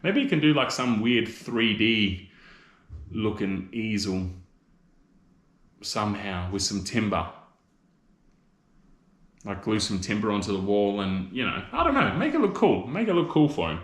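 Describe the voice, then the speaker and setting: An Australian livestream host in his thirties rambles through a casual chat with viewers, ribbing them with "mate" and "bro." His fairly low voice is sing-song and a little slow, with long pauses, recorded with a roomy echo.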